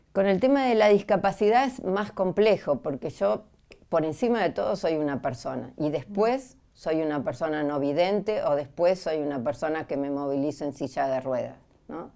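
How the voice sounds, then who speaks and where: A woman on a discussion panel explains her view thoughtfully. Her voice is low and mellow. She often asks rhetorical questions to check that listeners follow. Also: normal speed, vocal fry. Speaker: panel guest.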